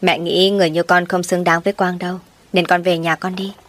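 A woman voicing a cold, mocking middle-aged stepmother in a told story, with a fairly low voice. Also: flat delivery, fairly quick, no room sound, natural voice.

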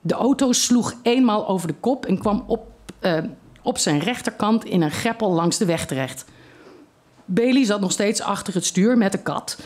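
Calm reader for a live short-story evening, measured delivery. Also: mid-range voice. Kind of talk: reading a short story aloud at a literary evening.

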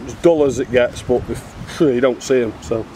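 With a warm, mid-range voice at normal speed, a middle-aged man chats bluntly and casually while filming his bottle-digging finds. He's an amateur working a wooded dig site, and his handheld camera's microphone clearly captures the surrounding outdoor noise.

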